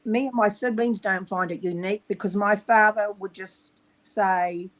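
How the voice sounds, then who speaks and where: Middle-aged New Zealand woman, guest; hesitant, soft-spoken, steady mid-range voice. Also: medium pitch, normal speed, rough recording. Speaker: podcast guest. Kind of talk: casual interview talk.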